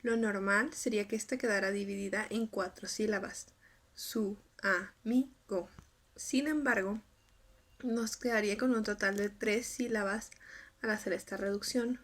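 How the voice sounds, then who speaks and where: A woman whose first language is Spanish, reading a scripted lesson and sounding out syllables slowly. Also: medium pitch, steady tone. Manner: reads carefully, spells out syllables slowly. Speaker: student presenter.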